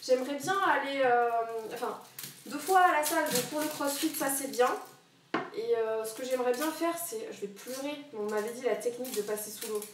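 A giggly, high-voiced young woman streams herself cooking in her home kitchen, chatting casually at a moderate pace with lots of rambling asides. The camera on a wobbly tripod sits across the very echoey room, far from her voice, and there's background noise.

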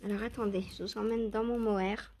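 A woman's voice: mid-range voice, steady tone, brisk, darkish tone, a little hiss or hum. A woman chatting casually to viewers as she picks yarns at home, thinking aloud with hesitant fillers and questions, filming on a handheld phone. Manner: hesitant, musing, many fillers and self-questions. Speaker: knitting vlogger. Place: at home among her yarn stash.

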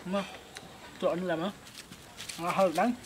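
An eating show host talks while chewing, with short murmured reactions between bites. The voice sits at an ordinary middle pitch. A clear layer of noise runs under the recording. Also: steady tone, measured pace. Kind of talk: casual mukbang chatter.

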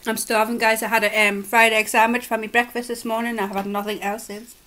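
A young woman with an English accent talks quickly in a slightly high, level, bright and forceful voice while cooking and eating at home for her mukbang vlog. She's chatty, speaks between bites, and sounds a little sniffly from a cold. There's slight background noise.

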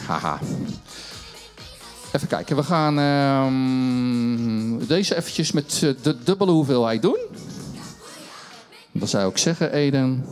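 A middle-aged man presenting a children's church show on a stage, chatty and encouraging as he runs a science demo, speaking into a handheld mic. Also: medium pitch. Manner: chatty and upbeat, encouraging, self-mocking.

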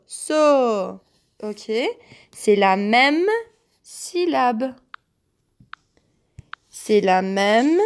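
A woman teacher giving a slow, patient homework lesson to young children, repeating each word several times. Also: fairly high pitch, darkish tone. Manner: patient, repeats words and syllables, claps.

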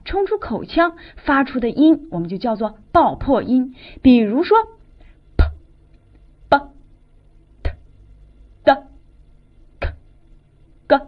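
High, lively female teacher, lo-fi. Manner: lively, explanatory teacher's voice with drawn-out particles. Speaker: English teacher. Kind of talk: classroom lesson on phonetics. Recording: dull lo-fi recording.

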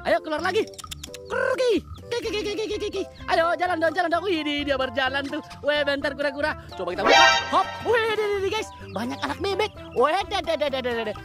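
A vlogger giving excited outdoor commentary while wading in a muddy pond, full of chanted exclamations and constant calls to the viewers, dropping to a hush when asking for quiet. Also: high voice, fairly quick, few pauses, music in the background. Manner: keeps addressing viewers as "guys" and "friends". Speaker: fishing and animal-catching vlogger.

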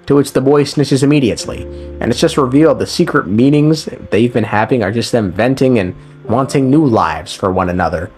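A man recaps a game's plot in a casual, sarcastic way, cracking profane and irreverent jokes. His mid-range voice is expressive and slightly dark, moving a little fast, and background music plays under his voiceover.

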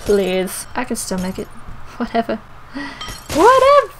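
A young woman giving casual, jokey commentary while she plays a video game, swinging from low mutters to sudden yelps. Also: normal speed, a little hiss or hum, low-quality recording. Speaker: let's play gamer.

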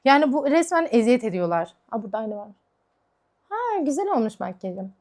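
A woman's voice: on the high side, sing-song, fairly quick, darkish tone. A woman vlogger chatting casually while doing her makeup, ranting in a heated, frank way. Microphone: camera mic.

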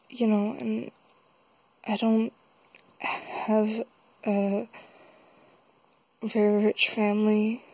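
Slow, tearful young woman, as if after crying. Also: mid-range voice, warm tone, no room sound, poor audio. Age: young adult. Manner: halting, slow, with long pauses. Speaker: vlogger. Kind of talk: confessional vlog, casual talk. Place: small dim room indoors. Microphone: phone held close.

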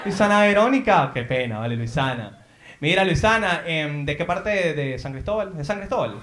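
A man's voice: on the high side, lively intonation, normal speed, a bit bright, echoey room. A man with a Venezuelan accent doing playful, teasing crowd work on a theater stage. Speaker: stand-up comedian. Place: theater in Madrid.

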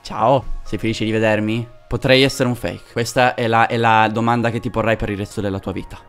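A man's voice: on the low side, level tone, a little fast, faint music behind. A young Italian man chatting with fans on webcam in a playful, teasing way. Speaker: YouTuber. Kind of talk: joking webcam chat with fans.

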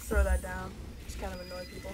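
A woman's voice: lowish voice, completely flat delivery, fast, music in the background. A woman doing rambling, chatty gameplay commentary, talking to her viewers as she plays. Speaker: gaming video creator.

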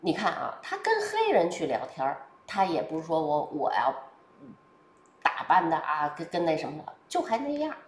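Lively woman with a twang. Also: low voice, moderate pace, slight background noise. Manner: lively, chatty, colloquial, with frequent hesitations. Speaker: political commentator. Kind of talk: casual spoken commentary. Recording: roomy echo.

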